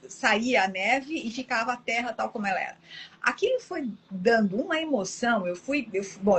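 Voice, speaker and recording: A woman's voice: fairly high pitch, a bit bright, slight background noise. A woman chatting casually and reflectively, often ending sentences with a questioning tag. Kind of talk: casual chat.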